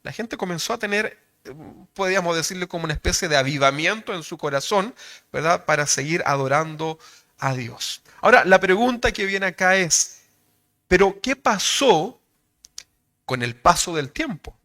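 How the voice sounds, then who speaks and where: A man's voice: sits high, expressive, moderate pace, pushed and bright. A man with a Chilean accent preaching a sermon in a conversational way, checking in with rhetorical questions after nearly every phrase. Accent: Chilean Spanish.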